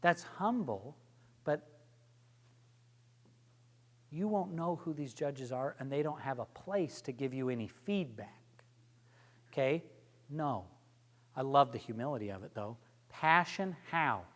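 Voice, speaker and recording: A man presenting a workshop, energetic and joking, quizzing his audience as he teaches. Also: mid-range voice, unhurried, pauses often. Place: lecture room with audience. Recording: long hall reverb.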